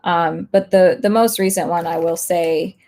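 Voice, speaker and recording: A woman instructor casually chatting on a livestream, a bit hoarse as she loses her voice, thinking aloud with lots of fillers. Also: lowish voice, steady tone, a little slow, darkish tone. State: slightly hoarse, losing her voice. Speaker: online instructor.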